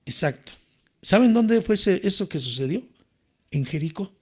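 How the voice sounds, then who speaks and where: A man preaching a sermon in an animated way, rising to near shouts when he quotes people crying out. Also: high voice, normal speed. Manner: animated, rises to shouting when quoting cries.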